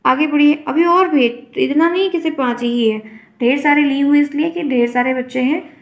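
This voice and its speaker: A woman's voice: high-pitched, normal speed, roomy sound. A woman teacher giving an online exam-prep lesson, explaining by repeating example words and quizzing her class.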